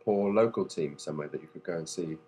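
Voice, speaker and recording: A man's voice: sits low, fast, warm tone, a little hiss or hum. A man hosting a casual chat show in a dry, self-deprecating way. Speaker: host.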